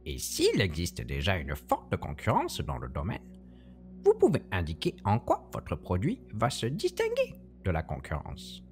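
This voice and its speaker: A woman's voice: extremely low pitch, wildly swooping pitch, measured pace, a little mellow, faint music behind. A woman presenting a scripted, playful explainer in a theatrical, teacherly manner. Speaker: podcast presenter.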